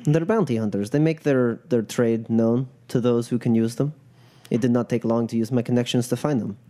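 A man playing a proud, bitter captive crime boss in a tabletop game, speaking in measured, formal, disdainful phrases. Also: medium pitch, dark tone, natural voice. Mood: wary, resigned.

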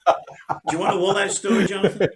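Guy on a hockey podcast telling a story, slightly higher voice, runs the chat. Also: fast, creaky, slight background noise. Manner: animated anecdote teller, leads the discussion. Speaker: podcast co-host. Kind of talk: casual sports chat.

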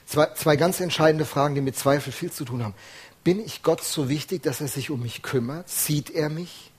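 A man's voice: a little high, moderate pace, breathy edge. A male preacher giving an earnest, emphatic sermon full of rhetorical questions.

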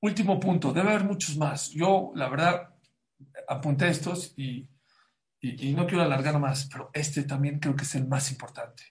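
A man giving a Torah class as a sermon, animated and preacherly, rising to loud emphatic bursts. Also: on the high side, moderate pace.

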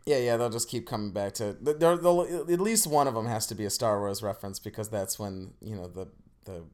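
A young man co-hosting a podcast, chatting casually in an animated, rambling way and laughing often. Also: on the low side, fairly quick, clean tone. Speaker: podcast co-host. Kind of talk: casual chat.

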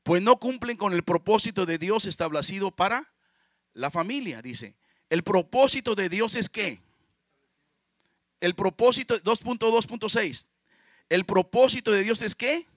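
A man's voice: high voice, big pitch swings, measured pace, long pauses, a bit bright, dry recording, clean studio sound. A man in his fifties with a Mexican Spanish accent, preaching a sermon, telling stories and often calling out to the congregation. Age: 50s. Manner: storytelling, often calls out to the congregation.

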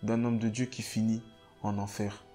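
A man giving a personal testimony in church, halting and repeating himself with many fillers. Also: fairly low pitch, level tone, warm tone, soft background music.

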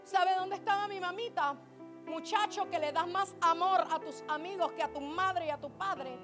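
A woman preaching with great fervor, her very high voice dropping to a hush and then rising to a shout. Music plays clearly behind her in the church service. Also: normal speed. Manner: impassioned, swings from hushed to shouting. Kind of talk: sermon.

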